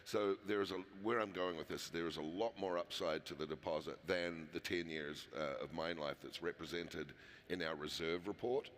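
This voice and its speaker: Speaking at a moderate pace in a low, steady, fairly bright voice, a New Zealand-accented founder gives a casual conference interview with many fillers and restarts. Long hall reverb is present, along with a little hiss or hum.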